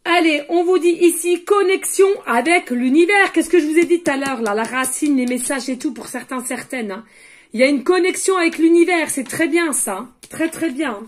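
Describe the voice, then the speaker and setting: A woman's voice: high-pitched, normal speed. A woman working as a medium, giving a chatty oracle card reading with frequent asides to her viewers, and dropping to a murmur when she asks the universe for messages.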